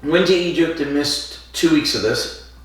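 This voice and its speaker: A man's voice: fairly high pitch, measured pace, a bit bright. A man of fifty co-hosting a podcast, chatting casually and lecturing with strong opinions. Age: 50s. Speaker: podcast co-host. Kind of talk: casual chat. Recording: echoey room, mic at a distance, faint noise.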